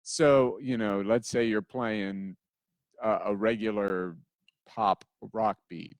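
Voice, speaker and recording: A man's voice: lowish voice, fairly even intonation, slow, slight background noise. A man giving a casual drum lesson who counts in aloud and sometimes wanders off topic. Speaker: drum teacher. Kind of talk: casual instructional talk.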